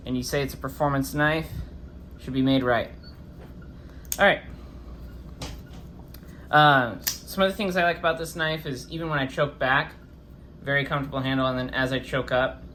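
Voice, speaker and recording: Chatting loosely about a product, this knife channel host sounds slightly impeded, his face still swollen from having his wisdom teeth pulled. He speaks at a medium pitch with a somewhat bright tone, and there's a little hiss or hum in the recording.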